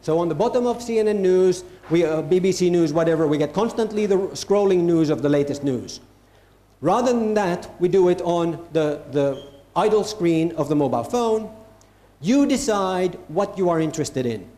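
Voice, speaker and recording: A Finnish man delivers an emphatic keynote at a conference, repeating phrases for stress before an audience in an event hall. His voice sits high with lively intonation and a dark tone, at normal speed, and the hall sounds echoey.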